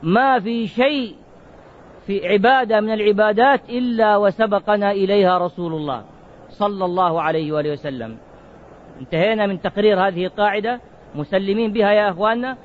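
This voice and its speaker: A man's voice: sits high, phone-quality sound. A man preaching a sermon, asking the listeners questions and stretching out key words for emphasis.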